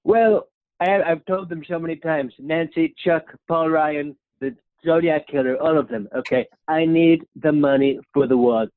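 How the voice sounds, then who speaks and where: In this comedy sketch, a young man plays a self-praising, rambling male president who keeps finishing his lines with a falling "okay?". His voice sounds natural and the recording is dry, with a thin, phone-like tinniness.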